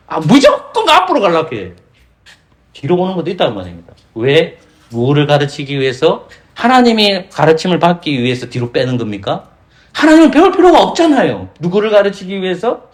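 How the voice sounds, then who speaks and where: Animated Korean pastor preaching a sermon. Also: male voice, fairly high pitch. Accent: Gyeongsang. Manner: rhetorical questions to the congregation, acts out quoted voices. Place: church sanctuary.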